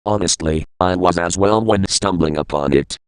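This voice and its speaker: A man narrates an internet horror story in a low-pitched voice. The recording is dry and close, with no room sound around his scripted storytelling. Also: moderate pace, clear, resonant tone, no room sound. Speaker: creepypasta narrator.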